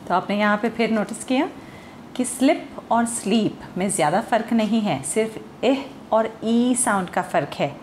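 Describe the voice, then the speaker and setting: A woman with an Indian accent teaching English pronunciation, explaining slowly and quizzing the viewer. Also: fairly high pitch, animated, darkish tone, slight background noise. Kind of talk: Hindi-language pronunciation lesson.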